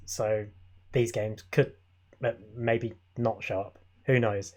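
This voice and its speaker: A man's voice: mid-range voice, a little mellow. Joking man co-hosting a podcast. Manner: joking, teasing, laughs often. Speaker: podcast co-host. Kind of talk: casual chat.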